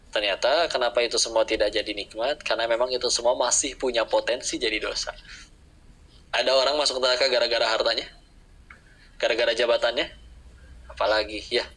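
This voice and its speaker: A man's voice: mid-range voice, bright, forceful tone, poor audio. A man preaching a sermon to a live audience, asking questions and answering them himself, acting out little dialogues.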